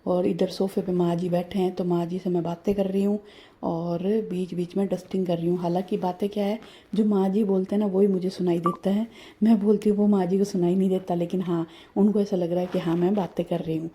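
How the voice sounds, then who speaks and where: A home vlogger narrates her chores casually as she works through her kitchen and living room. Her voice is on the low side, dark, level, and brisk, recorded in an echoey room with a faint hum in the background.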